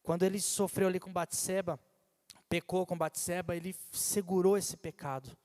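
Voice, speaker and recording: A man in his thirties preaches to his congregation in a conversational, animated way. His voice sits high for a man. It rings with the long reverb of a church hall. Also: normal speed. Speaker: pastor. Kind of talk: sermon. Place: church sanctuary.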